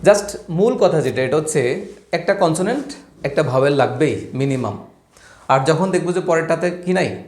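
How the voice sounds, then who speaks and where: A man's voice: fairly high pitch, a little mellow. A man teaching an English lesson at a board, explaining with playful family comparisons. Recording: echoey room.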